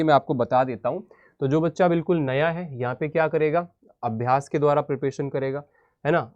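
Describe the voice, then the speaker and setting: A man with a fairly high, darkish voice teaches exam strategy in an informal lesson. He speaks directly to students, calling them "beta" and "yaar," with casual, blunt encouragement.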